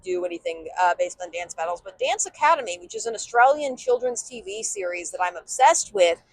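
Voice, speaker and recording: A woman co-hosting a podcast in casual chat, chatty and animated, laughing often. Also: lowish voice, fairly quick. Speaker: podcast co-host.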